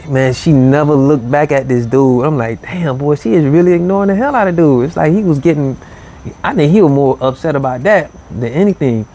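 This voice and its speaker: A man hosting a late-night show, telling a story in a relaxed, easygoing way, with lots of "you know" and "man". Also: on the high side, a little fast, a little hiss or hum. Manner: laid-back, drawling, full of "you know" and "man". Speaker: host.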